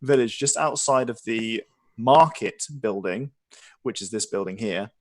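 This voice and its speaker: A man's voice: fairly low pitch, a little slow, no room sound. A man game master narrating and chatting through a tabletop game stream in an informal, self-deprecating way.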